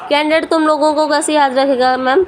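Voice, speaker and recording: A woman's voice: high-pitched, fairly even intonation, brisk, a little hiss or hum. A woman teacher giving a vocabulary lesson, repeating words over and over and mixing Hindi with English.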